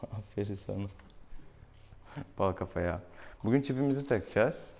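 Clear room noise surrounds a male veterinarian in a small exam room as he casually chats with viewers and lovingly teases a pet patient in a playful clinic video. He talks at a moderate pace in a voice on the low side with a darkish tone.

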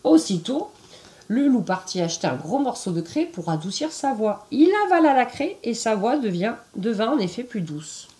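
A woman's voice: a little high, sing-song, moderate pace, mellow. A woman reading a fairy tale aloud to children, standing, with chatty asides to her young listeners. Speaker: storyteller. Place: indoors at home, standing.

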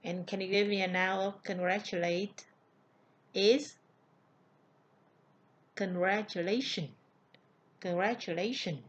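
A woman's voice: mid-range voice, steady tone, takes it slowly, long pauses, muffled recording. A woman English teacher with a Vietnamese accent, whose native language is Vietnamese, giving an online vocabulary lesson and carefully repeating each word as a model.

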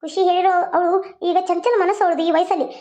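A woman's voice: very high voice, fairly even intonation, fast talker, mellow. Woman voicing an indignant young cartoon daughter-in-law. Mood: reproachful. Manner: scolding, indignant. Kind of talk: cartoon voice acting.

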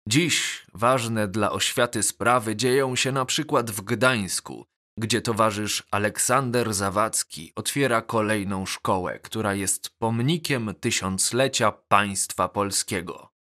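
A man reads a bull-like headmaster addressing the school in an audiobook. The speech is formal and official, unhurried and low, with a bright, firm edge.

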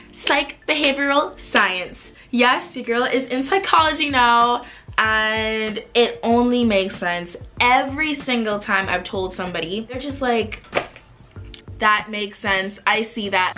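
A young woman from the Bahamas talks straight to camera at her desk, animated and full of gestures. Her voice is bright and forward. Faint music sits low underneath. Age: young adult. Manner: animated, expressive, gestures a lot while talking. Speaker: vlogger and singer-songwriter. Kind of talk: casual chat to camera. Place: bedroom with desk and shelves, indoors.

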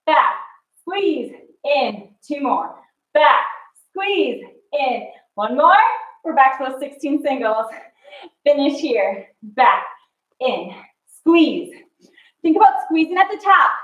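A woman's voice: high voice, fairly bright tone. A young woman working as an aerobics instructor, calling out clipped, encouraging counts and cues while she exercises. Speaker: fitness instructor. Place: small concrete-walled basement home gym. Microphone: far camera across the room. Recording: roomy, distant, slightly dull camera sound.

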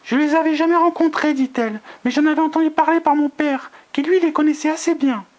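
A man voicing a reserved, unsure young heroine in a soft falsetto. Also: fairly even intonation, quick pace. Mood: subdued.

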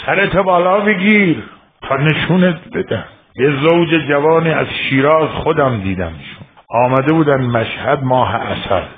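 A man from Iran preaching a religious sermon and telling a story, moving between quiet narration and fervent outbursts. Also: medium pitch. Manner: emotive, swings from quiet to crying out. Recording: tinny phone-like sound.

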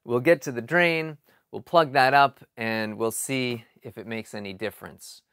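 A man in his forties talks through a home project in an easy, unscripted way, pausing with ums and restarting his sentences. His voice sits at an ordinary middle pitch. The sound is dry and close, picked up by a camera in a cluttered basement. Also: clear, resonant tone, dry recording. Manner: relaxed, thinking aloud with frequent ums and restarts. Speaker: home improvement vlogger. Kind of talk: casual explanatory vlog. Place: cluttered basement storage area.

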